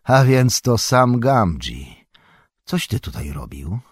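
A man voicing a stern old male wizard, speaking gravely and measured. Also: medium pitch, big pitch swings, dry recording, studio quality, voice pushed up, exaggerated voice.

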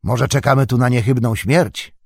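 A man with a husky voice reading the part of a gruff, wary male dwarf in an audiobook, blunt in manner. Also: medium pitch, normal speed, a little mellow, no room sound, clean studio sound. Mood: grim.

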